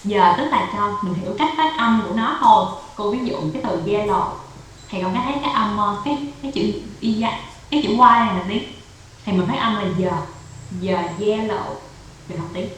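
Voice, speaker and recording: A woman's voice: mid-range voice, brisk, fairly bright tone. A woman tutoring a child in English over a video call, patiently explaining step by step, with a Vietnamese accent. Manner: patient, repeats and explains step by step, code-switches with English drills. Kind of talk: online English lesson for a child. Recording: echoey room, faint noise.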